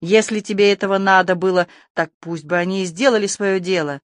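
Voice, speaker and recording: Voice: mid-range voice, fairly even intonation, a little fast, dry recording, clean studio sound, natural voice. A reader voicing a bitter, jealous man who mutters and sneers, in an audiobook reading. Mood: angry muttering.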